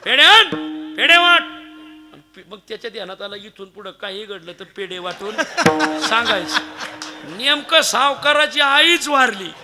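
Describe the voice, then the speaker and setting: A man preaching a devotional kirtan sermon, telling stories with lively swings between loud exclamations and hushed asides. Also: high-pitched, moderate pace, music in the background.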